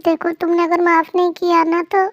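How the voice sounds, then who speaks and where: A woman's voice: extremely high pitch, monotone, moderate pace, poor audio. A woman doing an earnest young husband. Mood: apologetic. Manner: earnest, repeating himself. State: has a cold. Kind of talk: amateur fan dub.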